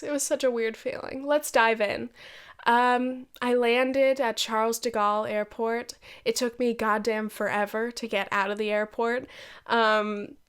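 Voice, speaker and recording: A young woman in her twenties hosts a casual solo podcast, nasal and congested from a head cold, with chatty, swearing, self-deprecating asides. Her voice is fairly high, smooth and fairly bright.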